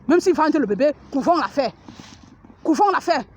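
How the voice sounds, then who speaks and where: A woman's voice: high-pitched, animated, normal speed, a little hiss or hum. A woman from Cameroon, ranting in a repetitive, crude and defiant way while walking a city street, filming on her phone. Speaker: vlogger. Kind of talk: filmed street rant.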